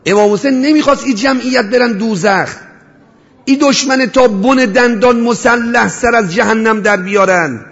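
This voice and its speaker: A man preaching a mourning sermon, rhetorical, swinging between loud cries and hushed storytelling. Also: very high voice, vocal fry. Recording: dull reverberant hall sound.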